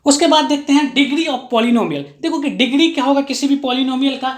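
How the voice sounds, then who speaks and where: A slightly high-voiced woman teaches a maths lesson, stopping again and again to ask a question and answer it herself. She repeats key phrases to drive them home. The room around her is noticeably echoey. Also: normal speed. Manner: keeps asking and answering her own questions. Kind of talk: explanatory classroom lesson.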